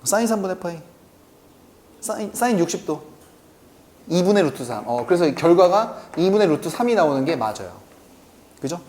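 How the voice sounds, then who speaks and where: Lively male math teacher, quizzing students. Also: high voice. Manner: keeps checking in with quick rhetorical questions to students; answers his own questions aloud. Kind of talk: classroom math lecture.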